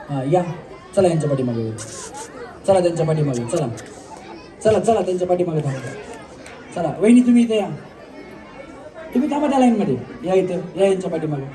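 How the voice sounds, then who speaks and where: A man hosting a live stage game, joking and coaxing the players with quick instructions. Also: high-pitched, dark tone. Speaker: game show host. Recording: distant mic with crowd behind.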